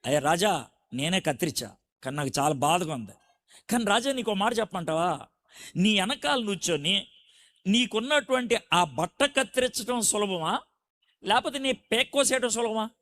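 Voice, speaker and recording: A man preacher acting out a humble young man who pleads earnestly with a king, in a lowered voice. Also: animated, moderate pace, sharp tone. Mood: pleading.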